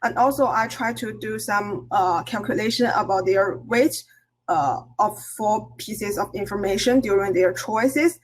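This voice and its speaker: A woman presents research at an academic conference. Her voice sits at a medium pitch with a slightly rough, husky edge. She speaks haltingly, with many hesitations and restarts as she explains. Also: rough recording. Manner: halting, hesitant delivery with frequent hesitations and self-corrections.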